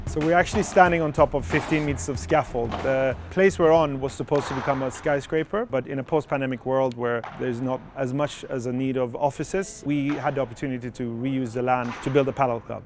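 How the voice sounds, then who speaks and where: A man's voice: medium pitch, steady tone, fairly quick, hardly any pauses, music in the background. A man from Sweden, in his thirties, talking in an interview with many fillers and restarts, recorded in an indoor padel hall on a lapel mic. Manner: conversational, frequent fillers and restarts. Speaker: padel club founder.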